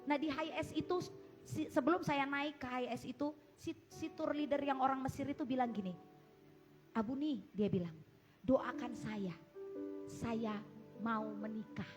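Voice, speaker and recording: High-voiced woman pastor, music behind. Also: a little fast. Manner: animated storyteller, mixes English phrases. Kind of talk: sermon storytelling.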